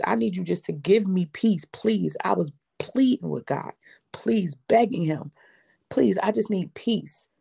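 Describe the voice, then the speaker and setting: A middle-aged woman earnestly recounting a personal faith testimony, slow and heartfelt, quoting her own prayers. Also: on the low side, creaky, darkish tone, no room sound, clean studio sound. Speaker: widow giving a testimony.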